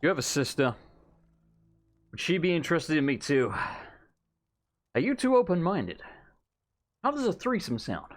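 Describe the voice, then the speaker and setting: A man's voice: fairly high pitch, very animated, moderate pace, pauses often. A man doing casual let's play commentary in a joking, irreverent way, with muttered asides.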